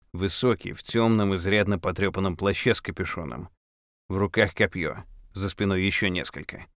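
Male narrator, lowish pitch, terse clipped phrasing, intense, dramatic first-person storytelling, dry close sound. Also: no room sound. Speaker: audiobook narrator.

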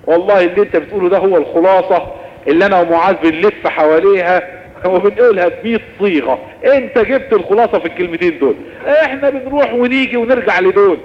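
A man with an Egyptian Arabic accent giving a lively religious lesson on Islamic jurisprudence, explaining and answering questions. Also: sits high, quick pace, in a large hall, highs cut off.

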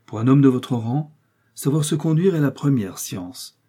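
A man's voice: medium pitch, moderate pace, warm tone, breathy edge, lightly acted. A man reading aloud, voicing a worried noble countess who scolds and gives urgent orders. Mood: reproving. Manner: scolding, pressing, anxious. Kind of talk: audiobook reading.

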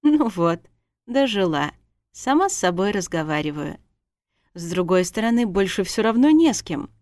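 A woman reading a fantasy audiobook voices a tipsy, cheeky young princess bride in a high, giggly, sing-song voice. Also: very animated, moderate pace, darkish tone, no echo, studio quality, close to an everyday voice. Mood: sulky. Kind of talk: audiobook character voice.

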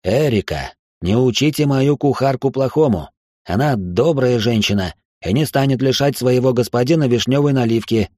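Woman voicing a teasing male lord, deep lowered voice, dark tone, dry close sound, audiobook character. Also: moderate pace, no echo. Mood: playful. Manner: low, good-humored teasing. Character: teasing noble lord, man, playful.

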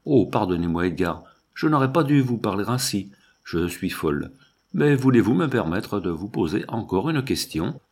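A man reading aloud, voicing a lively, affectionate young woman who loves diamonds, with soft, pleading questions in a husky voice. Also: lowish voice, moderate pace, exaggerated voice. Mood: coaxing. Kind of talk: audiobook reading.

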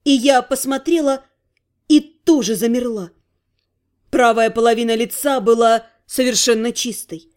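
High-voiced woman narrating an audiobook. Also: measured pace. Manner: expressive, emotional character reading. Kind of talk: first-person audiobook narration.

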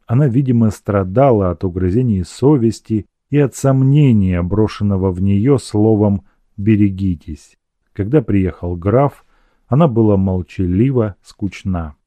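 A man narrating a classic novel in a measured, even storytelling manner. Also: on the low side, no echo. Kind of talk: audiobook reading of a classic novel.

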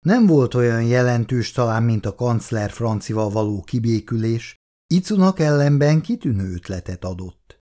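A man reading a story aloud in a measured, expressive way. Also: mid-range voice. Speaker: narrator. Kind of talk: storytelling narration.

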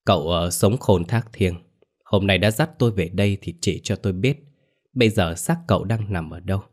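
A man voicing a calm male spirit medium who speaks in a slow, grave, measured way. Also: sits low.

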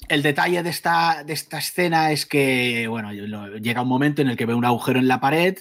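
A man's voice: medium pitch, brisk, a bit bright. A man retelling a film plot at length in a casual podcast chat, rambling and full of restarts. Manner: recounts plot in long rambling stretches. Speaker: podcast co-host.

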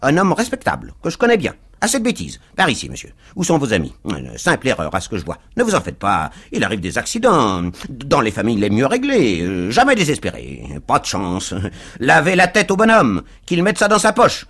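A man doing a brash, fast-talking young stranger. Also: sits high, huge pitch swings, fairly bright tone, voice pushed up, exaggerated voice. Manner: rapid clipped broken phrases, commanding. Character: voluble brash young man in a green coat. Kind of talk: literary reading for radio.

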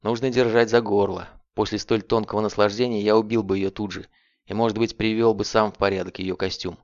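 A man with a gravelly voice voicing a vicious, frantic male captive in an audiobook, jeering and breathless, in a dull lo-fi recording. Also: fairly low pitch, a little fast. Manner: jeering, breathless, rising to shrieks.

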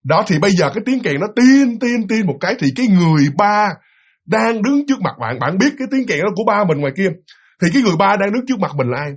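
Lively husky man telling a ghost story. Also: sits high, quick pace. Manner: lively, acts out voices of father and child.

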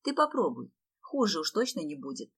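A woman's voice: deep voice, very animated, a little fast, husky, heavily acted. A woman reading an audiobook, voicing a charming young male student who speaks in a confiding, teasing way.

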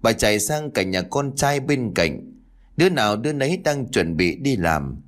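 A man narrating a ghost story in a lively storytelling manner. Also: medium pitch, moderate pace.

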